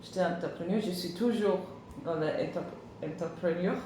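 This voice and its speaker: A middle-aged Kenyan woman, a native English speaker with a Kenyan accent, answers job interview questions in hesitant French, hunting for words amid many fillers. Her voice is fairly low and measured, recorded in a very echoey, noisy room.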